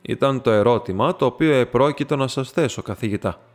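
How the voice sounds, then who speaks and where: Male narrator as composed detective, measured and dry, storybook. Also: mid-range voice, faint music behind, natural voice. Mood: measured polite. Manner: polite, measured.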